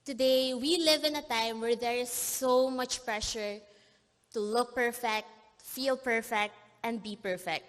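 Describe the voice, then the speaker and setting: A young woman born in Korea and raised in the Philippines giving an earnest, emotional commencement speech at a podium, sometimes pausing to collect herself. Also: fairly high pitch. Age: young adult. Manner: earnest, emotional, pausing and apologizing as she chokes up. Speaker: graduation speaker. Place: large convention plenary hall. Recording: long hall reverb.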